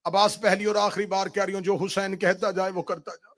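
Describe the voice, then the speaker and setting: A male religious orator giving an emotional elegy recitation at a live religious gathering, impassioned and swelling into shouted, chanted cries. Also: high voice, little pitch movement, brisk.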